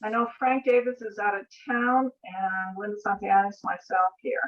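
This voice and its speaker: A woman's voice: mid-range voice, moderate pace, highs cut off. An American woman chairing a public board meeting, formally reading out procedure and agenda items into a meeting room mic. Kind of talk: formal meeting procedure, partly read aloud.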